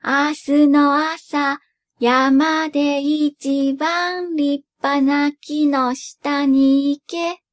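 A woman doing a hushed old poverty god. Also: high voice, voice pushed up. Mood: whispering. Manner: old-fashioned rustic speech, slow and soft.

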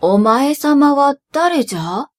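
A woman voicing a simple old village grandfather with slow, lowered, rustic speech. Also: sing-song, full character voice. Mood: earnest.

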